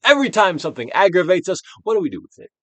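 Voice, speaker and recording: An actor reads a self-help audiobook in a dramatic, theatrical style, shifting from hushed near-whispers to emphatic projection and pausing deliberately. His voice is high and sing-song, and there's no echo.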